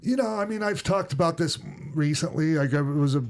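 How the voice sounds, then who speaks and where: Here the podcast host, a middle-aged ex-wrestler from Minnesota, tells stories casually, wandering off with fillers and false starts. His voice sits on the high side, fairly quick and somewhat dark in tone.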